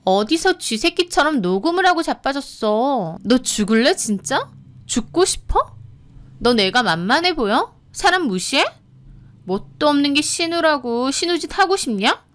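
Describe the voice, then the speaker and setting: A woman's voice: high voice, very animated, measured pace, fairly bright tone, pitched above the performer's own voice, exaggerated voice. A woman voicing a young sister-in-law who mocks and threatens with open contempt, in a radio drama. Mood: threatening. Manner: mocking, contemptuous, menacing.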